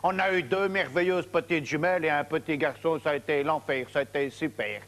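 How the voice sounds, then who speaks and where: A man's voice: on the high side, a little fast, fairly bright tone, lightly acted. An actor playing a hapless father, telling a long rambling story in a TV comedy sketch. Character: bumbling hapless father, middle-aged man.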